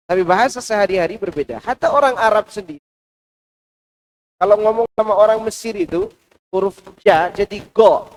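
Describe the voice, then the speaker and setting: A man with a fairly high voice preaches to a mosque congregation. His delivery is animated, swinging from loud, emphatic lines to soft, hushed asides as he teaches. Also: a little fast, pauses often, low-quality recording. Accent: Indonesian. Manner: lively, shifting between loud and hushed delivery. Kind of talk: Quran commentary lecture. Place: large mosque.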